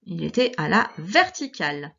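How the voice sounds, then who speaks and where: A woman teaching a young child reading sounds, speaking slowly and carefully and stretching out each key word. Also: on the low side, big pitch swings, gravelly, pushed and bright, slightly rough, highs cut off. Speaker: primary school teacher. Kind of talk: recorded phonics lesson for a young child.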